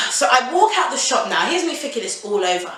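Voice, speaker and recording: A young woman vlogger telling a casual storytime, animated and exasperated, full of slang. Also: on the high side, brisk. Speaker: YouTuber. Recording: very echoey room, voice from a distance.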